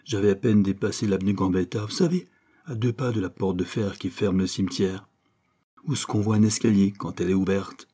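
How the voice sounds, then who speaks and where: A man's voice: low voice, brisk, mellow, husky. A man voicing a naive, proud reformed brigand in an audiobook, speaking in slangy, folksy working-class talk.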